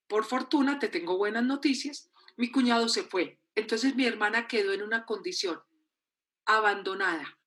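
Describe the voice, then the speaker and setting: Animated woman telling a story. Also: on the high side. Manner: animated storyteller acting out family dialogue. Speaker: psychologist. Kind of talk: storytelling in an interview.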